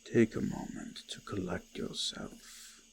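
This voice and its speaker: A man voices an ancient, possessive forest god in an intimate roleplay audio, speaking formally and ominously in a breathy, gravelly murmur that often sinks to a whisper. The pace is slow and the voice natural, with slight background noise and a solemn, ominous mood.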